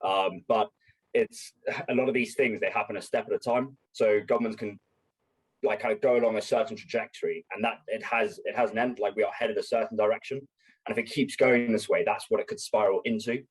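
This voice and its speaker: A man in a casual podcast discussion who argues his point quickly and keeps hedging with "like". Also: lowish voice, fairly even intonation, slightly rough, rough recording. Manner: quick, argumentative, hedges with "like".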